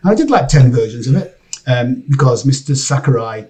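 A Scottish man, a game composer, chatting in an interview, excitable and rambling with many restarts. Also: mid-range voice, fairly quick. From Scotland. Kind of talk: casual interview chat. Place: home studio area, lives in LA.

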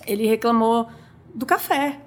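A woman talking as an interview guest, telling stories in an animated, chatty way with lots of fillers and restarts. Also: a little high, unhurried. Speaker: guest, coffee business owner. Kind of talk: conversational interview storytelling.

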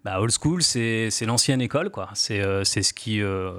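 A man in his forties, a graffiti artist guest on a radio show, explaining slowly with many fillers and restarts. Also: on the low side, animated, a bit bright, no echo. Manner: hesitant, many fillers and restarts, laughs lightly. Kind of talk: casual radio interview.

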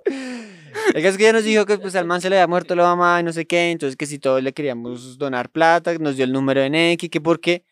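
Slangy Colombian man, rather high voice. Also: fast talker, clean tone, no echo. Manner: rambling, slangy, laughing storyteller. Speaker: podcast storyteller. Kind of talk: casual chat.

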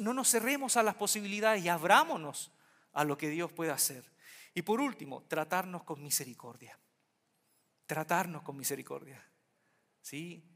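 A male preacher delivers a sermon, circling back to his key lines and asking the congregation if they follow. His voice sits high and bright. The sound carries a long hall reverb. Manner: repeats key phrases for emphasis, checks in with the congregation.

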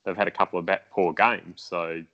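A man's voice: sits low, level tone, moderate pace, pushed and bright. A man co-hosting a casual fantasy football chat, easygoing and swearing casually. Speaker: podcast co-host. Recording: dull lo-fi sound.

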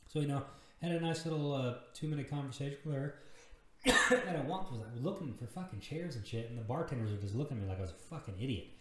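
A man's voice: mid-range voice, lively intonation, fast talker, heavy background noise. A man in his thirties hosting a casual solo podcast, rambling and self-deprecating, swearing freely. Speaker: podcast host. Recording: very echoey room.

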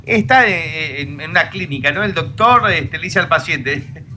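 A man with an Argentine accent telling jokes casually, filling pauses with "este". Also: a little high, lively intonation, low-quality recording. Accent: Rioplatense Argentine. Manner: loud shouts of laughter, fillers like "este". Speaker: comedy show co-host. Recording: music playing behind.

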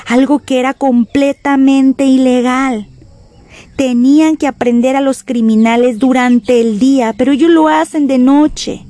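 Warm-voiced woman preaching a sermon. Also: a little high, no room sound. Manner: dramatic emphasis with rhetorical questions to listeners.

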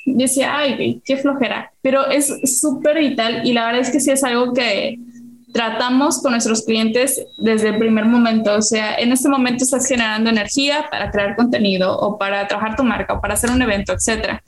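A woman's voice: on the high side, steady tone, brisk, a little hiss or hum. A woman with a Mexican accent, a podcast guest chatting casually about her consulting work and acting out little example conversations with fillers. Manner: chatty, explains with acted-out examples and frequent fillers. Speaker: guest, soft-skills and marketing consultant. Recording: roomy echo.

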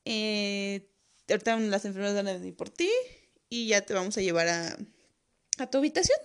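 Brief: woman playing a deadpan male surgeon who teases his patient, higher-pitched delivery. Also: normal speed, smooth. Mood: teasing. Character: calm joking male surgeon.

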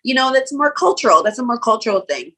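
A woman's voice: on the high side, sing-song, fast talker, bright, forceful tone, slight background noise, low-quality recording. A woman from Nova Scotia, a guest in an interview, talking casually with lots of "like" and "um" fillers. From Canada (Nova Scotia). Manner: casual, many "like" and "um" fillers, laughs often.

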